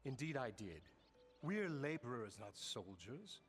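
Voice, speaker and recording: A man's voice: mid-range voice, sing-song, measured pace. An actor playing a boastful, scheming male foreman in a studio game, with a pompous, self-important manner.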